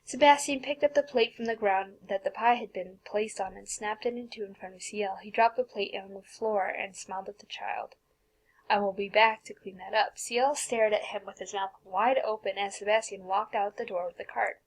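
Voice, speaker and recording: A woman's voice: mid-range voice, steady tone, normal speed, breathy edge, low-quality recording. A young woman casually reading a fan fiction aloud, often stumbling, restarting and breaking off to make offhand comments. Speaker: fanfic reader.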